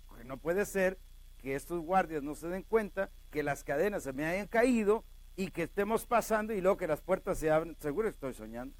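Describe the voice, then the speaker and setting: A man's voice: fairly high pitch, expressive, fairly quick, no room sound, lightly acted. A man preaching voices the apostle Peter as a bewildered grown man who mutters in disbelief to himself.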